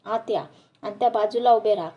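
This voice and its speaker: A woman's voice: mid-range voice, brisk, dull audio, lightly acted. A woman reading aloud and voicing a strict female college professor who scolds her failing students with contempt. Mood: stern scolding.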